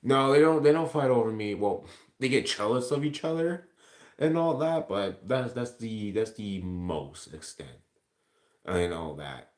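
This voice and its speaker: In an echoey room, a Canadian streamer from Ontario replies to viewer comments in a loose, profanity-heavy ramble. His voice sits fairly low and moves at a measured pace.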